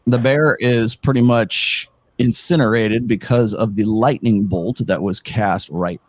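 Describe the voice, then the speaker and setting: Slow, husky male game master. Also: lowish voice, no room sound. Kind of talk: casual tabletop game narration.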